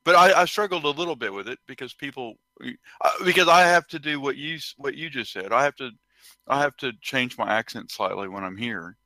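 A man's voice: medium pitch, fairly quick, sharp tone, no echo. An American man hosting a podcast, chatting in an easygoing, agreeable way. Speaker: podcast host. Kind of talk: casual podcast chat.

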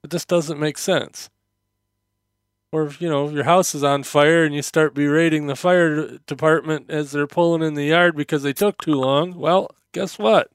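A man's voice: on the high side, fairly even intonation, moderate pace, smooth, no room sound. A man hosting a casual solo podcast in a hesitant, meandering, conversational way, his mouth slightly numb from dental work, close on the microphone. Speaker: podcast host.

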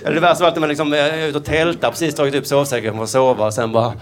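A man doing a stand-up routine, telling absurd deadpan jokes and slipping into quick voiced asides. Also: a little high, very noisy. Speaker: stand-up comedian. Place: comedy stage before a live audience. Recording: stage mic with loud audience laughter.

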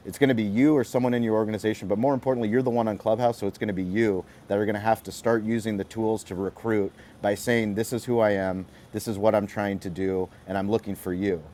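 A man's voice: fairly low pitch, steady tone, fast, hardly any pauses, dark tone, a little hiss or hum. A man talking energetically and emphatically on an audio chat panel, stacking repeated phrases to drive his points home. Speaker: restaurant marketing guest speaker. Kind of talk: motivational panel talk.

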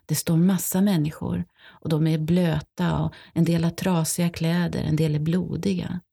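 A woman reading, in first person, a young boy's quiet, numb account of being lost after disaster. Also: low voice, level tone, creaky, breathy edge, full character voice.

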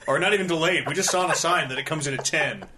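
A man's voice: a little high, racing, background noise. A man hosting a gaming podcast, telling a rambling travel story in casual chat, swearing freely. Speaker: podcast host.

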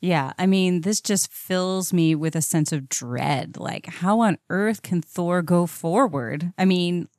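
A woman with a slightly low voice talks as a podcast co-host, recapping comics conversationally. The sound is close and dry, with no room on it. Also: slow, few pauses, darkish tone, no echo.

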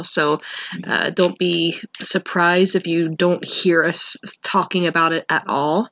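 Woman on low-quality laptop mic audio. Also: a bit bright, dry recording. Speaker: podcast host. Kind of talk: casual podcast chat. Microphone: built-in laptop microphone.

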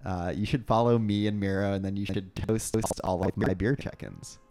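Male podcast host from New York, low voice, loose and joking, runs the chat. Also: fairly even intonation, moderate pace, noisy background. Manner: joking, talkative, leads the conversation. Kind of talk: casual chat.

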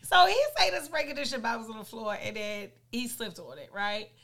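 A woman, co-hosting a podcast and telling a story in casual chat, animated and jumping high in pitch when she quotes herself. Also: a little fast, slight background noise. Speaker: podcast co-host.

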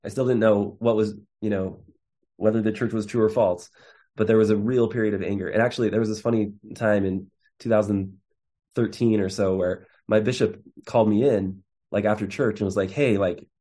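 A man's voice: fairly low pitch, fairly even intonation, fairly quick, dark tone. A man in his thirties, an interview guest, telling his story in a casual way, with many fillers and restarts. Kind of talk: conversational storytelling.

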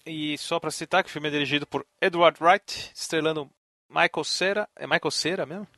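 A man's voice: fairly high pitch, steady tone, a little fast, sharp tone, no echo. A Brazilian man chatting casually as a podcast panelist, with slightly imprecise diction from a missing tooth. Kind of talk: casual chat.

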